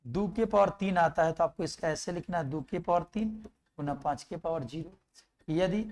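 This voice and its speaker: A man's voice: high voice, a little mellow. A man teaching an exam-prep math lesson, explaining step by step, asking questions and answering them himself, and reciting numbers and tables aloud.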